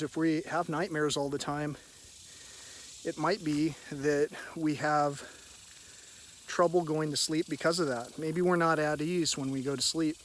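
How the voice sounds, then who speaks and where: A man vlogging outdoors in a halting, meandering, reflective way, often clearing his throat. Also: on the high side. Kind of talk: rambling, reflective spoken vlog. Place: outdoors in a park by a river. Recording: hissy outdoor recording with insect noise. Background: cicadas, birds, hiss and nearby traffic.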